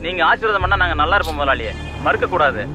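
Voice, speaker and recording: A man's voice: a little high, animated, racing, lo-fi sound, music in the background, lightly acted. An actor playing a newly married male branch manager who speaks politely to his boss on the phone. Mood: respectful. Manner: respectful.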